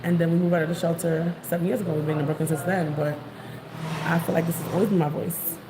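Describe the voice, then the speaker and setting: This woman, a vlogger from Queens, New York City, walks the street while livestreaming, chatting loosely and saying hi to viewers in her New York accent. She speaks fast in a lowish voice with little change in pitch, over a noisy background.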